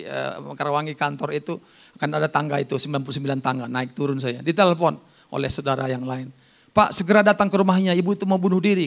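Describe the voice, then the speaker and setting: Male pastor, Indonesian accent, high voice, lively sermon, jokes with the congregation. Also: vocal fry. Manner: animated preaching with loud rises and soft asides.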